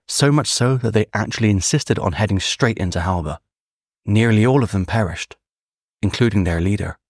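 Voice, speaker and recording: A man reading scripted history narration in a measured, steady way. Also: on the low side, no room sound, clean studio sound. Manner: measured, reads quoted memoirs with rising intensity. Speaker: documentary narrator.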